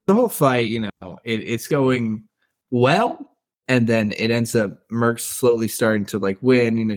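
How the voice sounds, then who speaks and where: A man co-hosting a book podcast, casually retelling scenes, reading quotes aloud and laughing often. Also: fairly low pitch.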